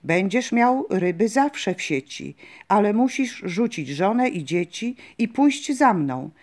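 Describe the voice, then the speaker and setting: A woman voicing a young queen of river spirits, speaking softly with a sweet tone. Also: mid-range voice, sing-song, slow. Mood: gentle, calm. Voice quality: soft, sweet-toned.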